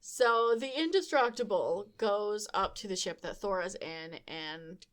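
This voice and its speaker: A woman's voice: mid-range voice, measured pace. A young woman hosting a podcast, recapping a comic book casually with frequent laughter and wry asides. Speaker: podcast host.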